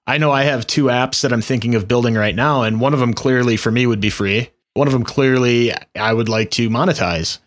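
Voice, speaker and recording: Male co-host, mid pitch, relaxed, thoughtful, casual podcast talk. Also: a little fast, few pauses. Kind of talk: casual tech podcast chat.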